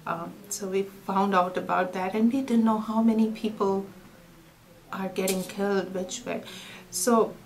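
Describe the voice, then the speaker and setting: A middle-aged woman with an Indian English accent, giving an oral history interview in a halting, soft-spoken way. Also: mid-range voice, low-quality recording. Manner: halting, soft-spoken, drops to near-whisper at grim moments.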